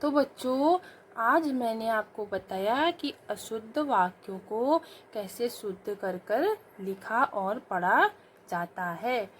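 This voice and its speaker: Woman teacher doing a grammar lesson, kinda high voice, talks super slow, asks stuff and answers it herself, little bit of hiss behind. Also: animated. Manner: reads example sentences slowly and deliberately, asks questions and answers them herself. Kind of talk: exam-prep grammar lesson.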